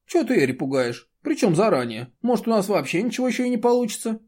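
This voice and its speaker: A male narrator voices a fawning, whiny violinist who wheedles in a syrupy tone. The voice goes squeaky and high as he pleads. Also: very animated, quick pace, darkish tone, breathy edge, exaggerated voice. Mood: pleading.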